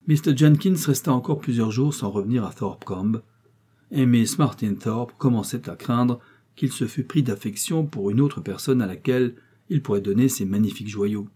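A man reading a classic novel aloud as an audiobook narrator, measured and expressive. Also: medium pitch, slightly rough. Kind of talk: scripted narration.

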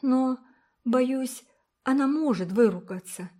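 High little girl voice by a woman, pleading, earnest, warm mellow tone. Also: slow pace. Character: timid pleading little orphan-minded girl.

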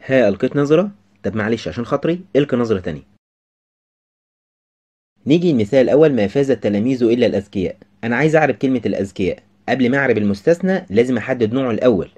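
A man with an Egyptian Arabic accent runs through a grammar lesson at breakneck speed. His pitch sits in the middle, and he keeps the talk chatty, firing questions at the student. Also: a little mellow.

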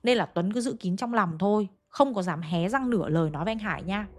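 A woman's voice: medium pitch, fast talker. A woman telling a ghost story in a chatty, conversational way, often speaking straight to her listeners. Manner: chatty, addresses listeners directly. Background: faint background music.

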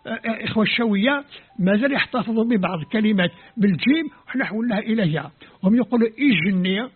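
A man's voice: high voice, expressive, racing, husky. A man from Algeria speaking Arabic with an Algerian accent, Kabyle his first language, lecturing as a scholar and sounding out letters and words step by step. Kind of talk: explanatory lecture. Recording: tinny phone-like lo-fi audio.

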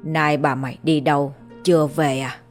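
A woman voicing a coarse, domineering old rich landlord in a spoken horror story, giving orders in a gruff, slurred voice. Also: low voice, little pitch movement, moderate pace, faint music behind, lightly acted.

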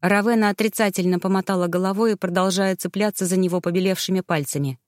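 A woman narrating a fantasy novel in an even storytelling manner. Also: mid-range voice, quick pace, no room sound, clean studio sound. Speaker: audiobook narrator. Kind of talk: scripted narration.

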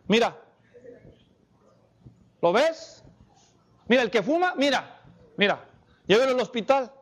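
A man preaching a sermon to parents, animated and firing many questions at the congregation. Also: extremely high pitch.

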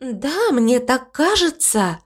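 A kindly mother cow who wonders about everything, her voice lifted high above the narrator's own, as a woman puts her on. She speaks slowly and warmly, with lots of lilt in every line. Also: very animated, exaggerated voice. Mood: curious. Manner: wondering, soft-hearted. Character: gentle curious mother cow.

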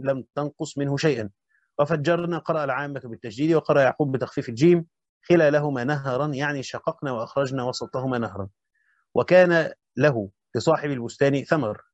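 A man's voice: mid-range voice, no echo. A man with an Egyptian accent reading a classical commentary aloud and explaining it as a teacher, breaking into colloquial asides. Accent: Egyptian Arabic. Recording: dull lo-fi dry recording.

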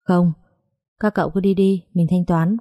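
A woman's voice: on the low side, flat delivery, moderate pace, mellow, lightly acted. A woman voicing an aloof, brooding young man in an audiobook story, speaking curtly. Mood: cold. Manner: curt, detached.

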